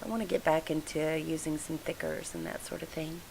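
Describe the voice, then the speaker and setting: This woman, who hosts scrapbooking videos, talks from her home craft room with a froggy, gravelly voice congested by allergies. Her voice is low and level, a little fast and slightly mellow, and she rambles apologetically while narrating her scrapbooking process. The recording is rough, with a faint hiss or hum.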